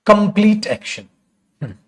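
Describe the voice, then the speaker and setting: A man teaching an exam-prep English class while running a fever, animated and addressing students as son and brother. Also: sits high, measured pace. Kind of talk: classroom lecture.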